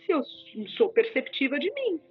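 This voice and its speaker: A speech therapist with a Brazilian Portuguese accent joins a podcast conversation to explain communication and empathy. She speaks at a moderate pace in a high-pitched voice, animated and sometimes acting out other people she quotes. The audio is lo-fi and phone-like, with faint music behind her.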